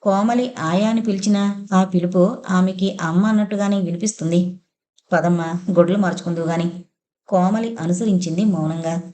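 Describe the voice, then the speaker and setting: Low, mellow-voiced woman narrating. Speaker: audiobook narrator. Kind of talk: scripted novel narration.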